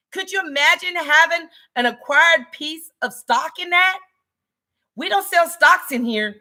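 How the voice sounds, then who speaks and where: A woman hosting a casual livestream, chatty and excitable, hyping up her viewers and greeting them by name. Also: high-pitched. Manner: excitable, hype-building, chatty. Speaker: livestream host selling wellness coffee.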